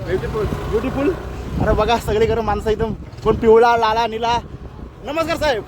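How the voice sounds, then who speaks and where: Walking a festival-packed city street, a man gives casual vlog commentary in a very high, steady voice, talking a bit fast as he chats, exclaims and says hello to people passing by. The background is noisy with a loud crowd.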